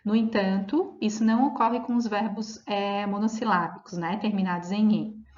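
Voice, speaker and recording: A woman teacher explaining grammar rules in a recorded lesson, reading example words slowly and checking in with her students as she goes. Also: mid-range voice, darkish tone. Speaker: Portuguese teacher. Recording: roomy, dull lo-fi audio.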